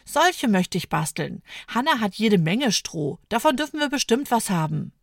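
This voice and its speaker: Woman voicing an eager small boy, high childlike voice, storybook. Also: very animated, normal speed, vocal fry, dry recording, studio quality, exaggerated voice. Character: eager little boy, quick to tears.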